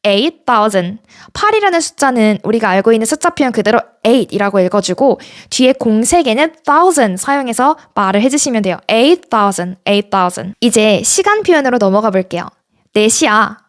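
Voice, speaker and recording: A woman teaching English numbers in a bright, fairly high voice that moves a lot in pitch. She slows right down to model each word. The sound is dry and close. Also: no room sound. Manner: slow, drawn-out model words between explanations. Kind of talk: pronunciation lesson.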